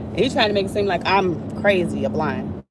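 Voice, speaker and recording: A woman's voice: fairly low pitch, expressive, normal speed. Young woman, blunt and fed-up, cursing as she vents to camera from a car with road noise behind. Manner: frustrated, blunt, swears freely. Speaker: vlogger. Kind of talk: casual venting vlog.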